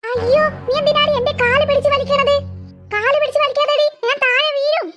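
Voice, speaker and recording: A defiant, taunting little cartoon sister, voiced by a woman, very high and bright. Her voice is shrill and childish. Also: steady tone, a little fast, muffled recording, soft background music. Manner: taunting, defensive.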